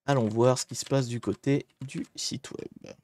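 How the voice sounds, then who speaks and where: Streaming live as he works on a hacking challenge, a man talks in a chatty, wandering manner, often revising himself mid-sentence. His voice is medium-pitched, steady and a little mellow, at a moderate pace.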